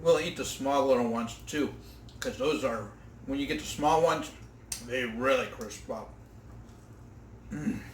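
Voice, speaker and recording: A man's voice: mid-range voice, unhurried, pauses often, echoey room, a little hiss or hum. A man hosting an outdoor cooking vlog, tasting his fried fish with enthusiastic exclamations. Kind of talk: casual eating vlog.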